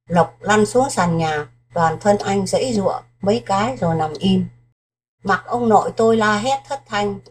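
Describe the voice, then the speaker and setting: A woman's voice: medium pitch, slight background noise. Solemn woman reading a war memoir. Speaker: narrator.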